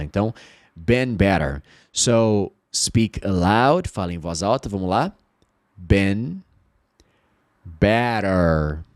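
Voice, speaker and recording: Brazilian male English teacher, lowish animated voice, dry close sound, drills phrases slowly. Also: dry recording. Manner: lively, repeats words slowly for the viewer to say aloud. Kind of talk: bilingual English lesson.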